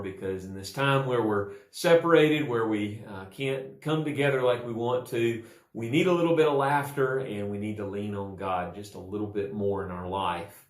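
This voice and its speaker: A man, a pastor casually telling jokes with easygoing fillers. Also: fairly low pitch. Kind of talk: telling jokes and a Bible verse. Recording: roomy echo.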